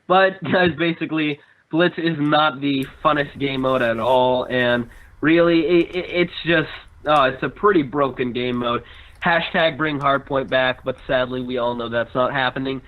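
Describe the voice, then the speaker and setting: A man casting an esports match, giving play-by-play commentary in a chatty, animated way that slides into joking banter. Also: medium pitch, highs cut off. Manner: animated, chatty, quick to joke. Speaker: esports caster.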